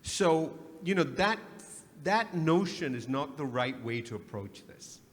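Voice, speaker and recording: A man's voice: fairly high pitch, expressive, a little slow. A man from Sri Lanka speaking on a conference panel, arguing emphatically and posing rhetorical questions. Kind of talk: panel discussion. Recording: reverberant conference hall, faint hum.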